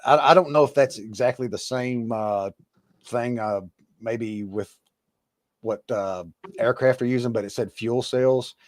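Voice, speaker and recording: A man's voice: mid-range voice, darkish tone, dry recording. A man hosting a podcast in casual chat, rambling with many fillers and restarts. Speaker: podcast host.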